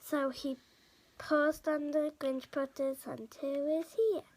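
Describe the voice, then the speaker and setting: A woman with a high, slightly mellow voice and little pitch movement reads a children's storybook aloud as a podcast host. She halts, stumbles, and repeats words now and then, and the recording quality is low.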